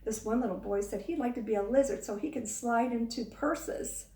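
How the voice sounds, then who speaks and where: This storytime teacher has a fairly high pitch but a dark tone, and she speaks at a normal speed. She coaxes young children in a sing-song style and keeps asking them questions, recorded from a distance in an echoing room.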